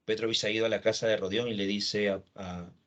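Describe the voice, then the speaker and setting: A man's voice: fairly low pitch, fairly even intonation, a little fast, fairly bright tone. A man teaching literature, retelling a novel's plot and quoting the characters' lines, often adding a questioning tag.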